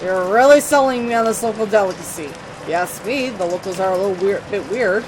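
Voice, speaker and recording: A let's-play narrator voicing a cheerful, chatty male hobo in a video game, over a clear patter of rain. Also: medium pitch, fairly quick, natural voice. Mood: folksy. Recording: rain noise behind.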